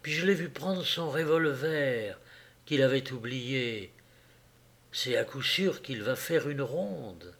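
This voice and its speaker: A man reading an audiobook, voicing a frightened young woman who whispers to her lover in a low, breathless murmur. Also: animated, slow, fairly bright tone. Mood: fearful whisper.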